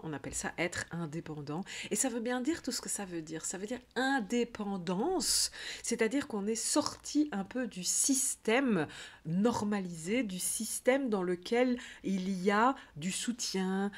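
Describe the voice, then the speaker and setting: A woman with a Belgian French accent, a coach talking in a rambling, chatty video diary full of fillers. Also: on the low side.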